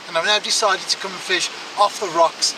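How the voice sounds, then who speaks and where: Chatty man vlogging by loud surf. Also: high voice, steady tone, a little fast. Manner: chatty, rhetorical asides to the viewer. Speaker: angling vlogger. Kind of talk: casual to-camera vlog. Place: outdoors on a beach and sea rocks. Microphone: handheld camera close to face. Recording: outdoor recording with loud surf noise. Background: surf and waves.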